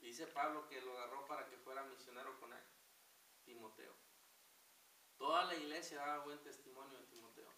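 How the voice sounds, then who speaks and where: A man's voice: mid-range voice, steady tone, brisk, pushed and bright. A man preaching a fervent sermon as pastor, calling the congregation brothers. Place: church. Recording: echoey hall from far off, hiss.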